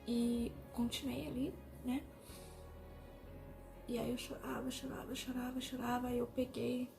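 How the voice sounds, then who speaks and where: A young Brazilian woman telling her own story in a vlog, speaking in an emotional, halting way and often repeating herself. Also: a little high. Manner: emotional, halting retelling with many repetitions. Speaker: vlogger.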